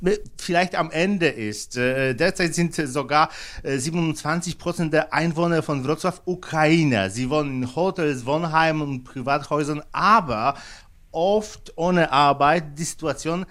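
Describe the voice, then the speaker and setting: A man's voice: a little high, fairly bright tone. Hesitant male correspondent. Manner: halting, many fillers. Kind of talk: news interview answers.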